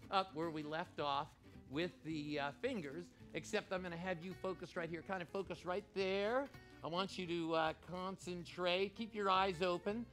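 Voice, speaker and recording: A man working as a stage hypnotist in a live show, giving deliberate, commanding countdowns and repeated suggestions. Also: high voice. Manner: shouts excited commands to start the action.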